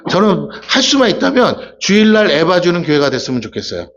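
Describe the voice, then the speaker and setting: A man's voice: on the high side, big pitch swings, fairly quick, fairly bright tone. A male pastor giving a casual, humorous sermon, telling stories and asking the congregation questions. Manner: chatty storytelling, asks the congregation questions, acts out voices. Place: church sanctuary. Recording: dull lo-fi church recording.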